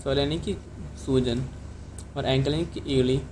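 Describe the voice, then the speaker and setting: A man with an Indian accent hosting an English lesson, explaining in Hindi and repeating each English sentence slowly twice. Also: medium pitch, fairly even intonation, darkish tone, slight background noise. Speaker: English teacher and channel host.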